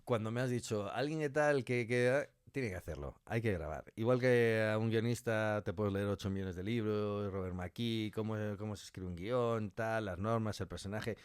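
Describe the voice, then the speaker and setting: A man appears as a podcast guest, an audio fiction writer and director, talking about his creative work in an animated interview conversation. Emphatic, he likes to act out little quotes. His lowish voice moves at a moderate pace with few pauses, clean in tone with no echo, studio quality.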